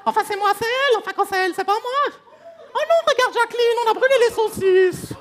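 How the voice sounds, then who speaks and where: Loud, squealing, fussy old aunt. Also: male voice, brisk, a faint crowd. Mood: gushing. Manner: squealing falsetto, fluttery. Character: shrill older aunt, gushing and fussy. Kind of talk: stand-up comedy.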